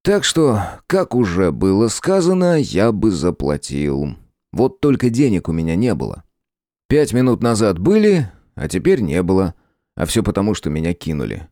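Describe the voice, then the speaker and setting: A man reading a first-person audiobook in a gruff, sardonic storytelling manner. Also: lowish voice, very animated, moderate pace, warm tone, no echo, studio quality. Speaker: audiobook narrator.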